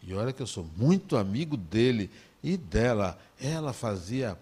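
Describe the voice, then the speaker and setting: A man with a Brazilian Portuguese accent, giving a talk in an animated, conversational storytelling way. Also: mid-range voice, normal speed, breathy edge. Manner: animated, conversational, acts out dialogue.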